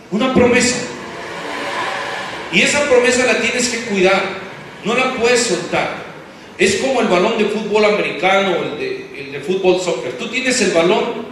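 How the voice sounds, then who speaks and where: Bright and forceful, a pastor's high voice carries an emphatic sermon in which he questions the congregation and makes football comparisons. The recording comes from far off in an echoey church hall, with faint background noise.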